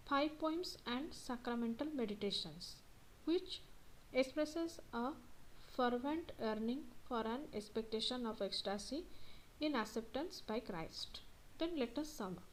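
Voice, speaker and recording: A woman tutor reads through study notes and then repeats the main points in her own words. Her voice sits a little high. A faint hiss runs under the recording. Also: expressive, a little slow, poor audio. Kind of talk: reading and explaining study notes.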